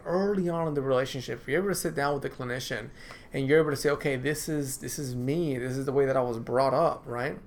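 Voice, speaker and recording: There's a faint hiss or hum behind this counselor, whose medium-pitched voice sounds creaky. He chats informally to camera from his office, repeating himself, often asking "right?", and clearing a dry throat.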